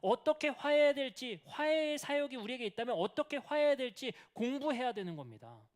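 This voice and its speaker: A man's voice: very high-pitched, very animated, brisk. A man preaching a sermon as senior pastor, asking rhetorical questions, telling stories with acted dialogue and sometimes dropping to a whisper for emphasis.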